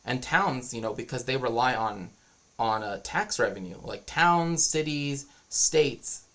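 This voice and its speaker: Guy on a stream ranting casually, explaining stuff in an opinionated way, ordinary middle pitch. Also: measured pace, fairly bright tone. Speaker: streamer and cultural historian. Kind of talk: casual livestream monologue.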